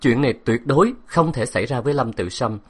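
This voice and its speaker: A man narrates a novel aloud in a measured, inward-looking way. His voice is husky and breathy, sitting at an ordinary middle pitch. The delivery stays steady and scripted throughout. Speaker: audiobook reader.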